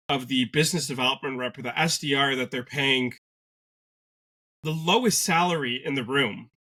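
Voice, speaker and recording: A Canadian man talks business in a podcast interview with a bright, forceful edge to his voice. He is articulate and emphatic, and he leans hard on his key points. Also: mid-range voice. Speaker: guest, sales agency cofounder.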